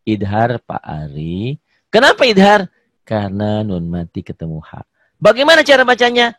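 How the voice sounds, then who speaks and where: A man teaching an online Quran recitation lesson. He asks questions in a high, loud voice, answers them low and quiet, and draws out the examples slowly. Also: slightly rough, no echo. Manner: slow, drawn-out dictation of examples.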